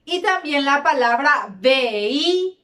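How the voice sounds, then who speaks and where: A woman's voice: high voice, expressive, slow, a bit bright. A woman teaching a grammar lesson to children, repeating key words and stretching words out. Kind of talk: slow, deliberate classroom lesson. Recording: roomy echo.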